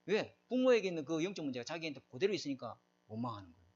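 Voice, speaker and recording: Middle-aged guy preaching, lots of pitch swings, kinda muffled lo-fi sound. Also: big pitch swings, racing, a little mellow. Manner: emphatic, asks the congregation questions. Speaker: pastor. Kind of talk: sermon. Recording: dull lo-fi recording.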